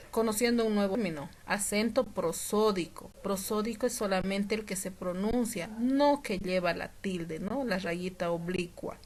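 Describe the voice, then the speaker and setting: A patient woman teacher walks through a lesson, stretching out her example words and pausing to check understanding. Her voice sits at an ordinary middle pitch, steady and clear. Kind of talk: classroom lesson explanation.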